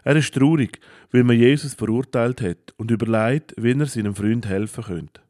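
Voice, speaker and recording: A man narrating a children's Bible story in a calm, plain storytelling manner. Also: medium pitch, moderate pace, no echo, clean studio sound.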